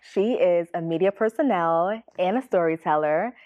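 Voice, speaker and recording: A woman's voice: on the low side, expressive, moderate pace, darkish tone, muffled recording. A woman hosting a casual talk show, encouraging her guest with frequent affirming murmurs. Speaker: host. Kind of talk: casual interview chat.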